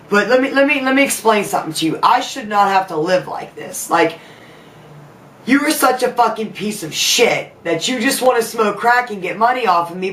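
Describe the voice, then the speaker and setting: This is an angry venting vlog: a woman with a fairly low voice swears repeatedly as she rants hotly from her house. She works as a vlogger and makeup artist, and she sounds distant, recorded in an echoing room.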